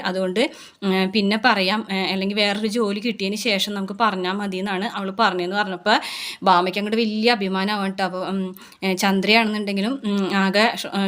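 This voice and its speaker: A woman talking quickly as she recaps a serial episode. She quotes each character's lines in her own voice, with little change in tone, keeping her storytelling casual and conversational. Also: medium pitch, a bit bright. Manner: brisk retelling, quoting characters in a plain voice.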